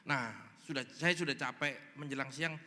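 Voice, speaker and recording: Man, pastor, lively storytelling sermon, forceful bright tone, big reverberant church hall. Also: mid-range voice, normal speed. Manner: animated storyteller acting out dialogue. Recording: long reverb in a large hall.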